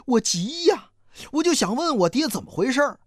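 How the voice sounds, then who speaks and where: Expressive audiobook storyteller. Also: sits high, dry recording, studio quality. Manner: expressive, slow and dramatic. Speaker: narrator.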